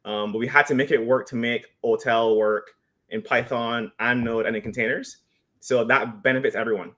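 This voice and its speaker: A man on a software team chatting loosely and joking on a live video call Q&A. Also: mid-range voice, steady tone, normal speed. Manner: loose, joking, many restarts. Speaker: engineering team member. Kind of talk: casual live Q&A chat.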